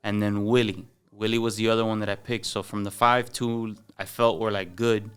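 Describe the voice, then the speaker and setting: Here the voice is on the low side, clean and fairly bright, level in tone and moderate in pace. It's a young Miami man with a Cuban-American accent, casually chatting as a podcast guest in a slangy, loose way, peppered with Spanish, "like," and "bro."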